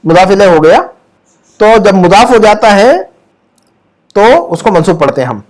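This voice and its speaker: High-voiced man teaching Arabic grammar. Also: very animated, moderate pace. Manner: patient, repeats questions and drills. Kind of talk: online grammar class in Urdu. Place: at home.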